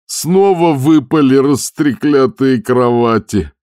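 Guy doing a freaked out skipper, yelling high and loud, dry sound. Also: animated, slow, clear, resonant tone, no echo. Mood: wailing. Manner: frantic yelling. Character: panicky superstitious middle-aged ship skipper.

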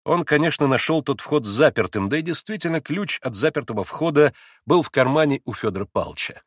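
A man reading a novel aloud as an audiobook narrator, with expressive, dramatic delivery. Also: fairly high pitch, a little fast, dry recording, studio quality. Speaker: audiobook reader.

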